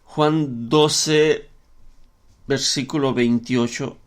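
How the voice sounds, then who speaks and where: A man's voice: medium pitch, fairly even intonation, drawn-out words. A man preaching a podcast sermon, explaining scripture with frequent restarts and repeated words.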